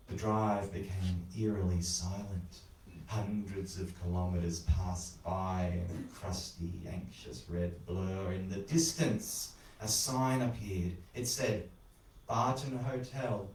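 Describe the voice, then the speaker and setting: A man narrating a macabre short story in an animated, wry, crude style, recorded in an echoey room away from the mic. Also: sits low, slow pace, recorded from a distance, a little hiss or hum. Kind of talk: dramatic spoken horror narration.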